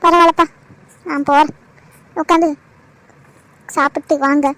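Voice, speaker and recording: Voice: sits high, little pitch movement, normal speed, pushed and bright, dry recording. A voice actor playing an aging mother in an amateur cartoon, speaking in a mournful, guilt-tripping way. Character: aging mother, wounded and proud. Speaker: mother-in-law.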